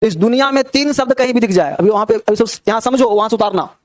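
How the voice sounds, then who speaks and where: A man's voice: high-pitched, quick pace, no echo, clean studio sound. A young man teaching a grammar class, drilling pronunciation and checking in with his students. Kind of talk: classroom lecture.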